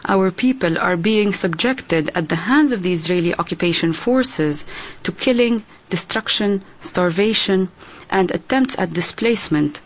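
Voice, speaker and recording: A woman's voice: on the low side, lively intonation, measured pace. Woman interpreter in translation voice-over. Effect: translation voice-over of a speech. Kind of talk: interpreting a speech.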